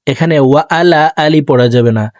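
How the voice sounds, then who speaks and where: A man teaching Quran pronunciation, breaking words into syllables and chanting them slowly for viewers to repeat. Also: fairly high pitch, a little mellow, no room sound, studio quality. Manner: slow drawn-out chanting of words for repetition; instructive, addresses viewers directly. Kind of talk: recitation lesson.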